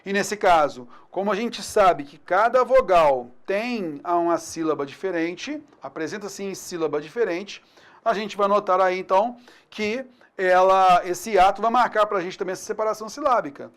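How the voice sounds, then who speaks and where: A man's voice: sits high, normal speed, fairly bright tone. A man with a Brazilian accent teaching grammar in a recorded online lesson. He talks to the class in an upbeat, informal way and keeps checking in with slang. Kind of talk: recorded online lesson, explaining over slides.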